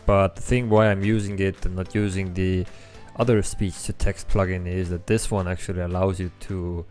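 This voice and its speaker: In this screen-recorded coding tutorial, a young man whose first language is Estonian and who has an Estonian accent walks through building an app. His voice is low, his pace moderate, and he's relaxed, often saying "um" as he thinks aloud. Faint music plays in the background.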